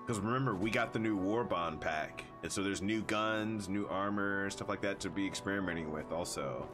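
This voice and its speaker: A man with a deep voice chats casually on a game live stream. Game music plays clearly behind him. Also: moderate pace. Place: indoor room at a gaming desk.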